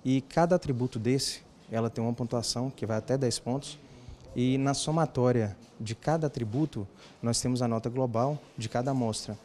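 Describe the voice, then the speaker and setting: A man's voice: medium pitch, fairly quick, warm tone, slight background noise. A man in his thirties, an agronomist, explaining in an indoor interview into a handheld mic, with many fillers. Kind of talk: interview answer. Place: indoor tasting room. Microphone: handheld reporter mic.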